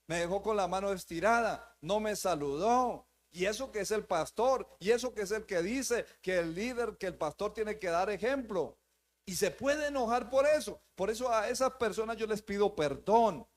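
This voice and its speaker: High-voiced man preaching a sermon. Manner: emphatic, repeats phrases, addresses the congregation as brothers. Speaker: pastor. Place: church, before a live congregation.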